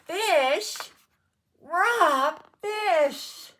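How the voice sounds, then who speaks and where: A woman voicing an outraged society lady in a storybook reading, with loud, shrill outbursts. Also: lively intonation, very slow, exaggerated voice. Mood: disgusted. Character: furious society lady shrieking in disgust.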